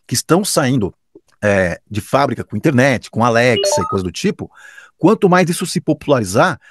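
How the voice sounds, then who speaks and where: Lively husky Brazilian announcer man. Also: medium pitch, no room sound, studio quality. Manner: enthusiastic, emphatic, with frequent restarts. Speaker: professional announcer and radio director. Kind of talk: casual interview answers.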